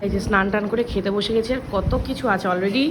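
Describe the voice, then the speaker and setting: A young woman chatting casually as a vlogger, excitable and talkative. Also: medium pitch, fast talker, noisy background. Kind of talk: casual vlog narration. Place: family home and outings.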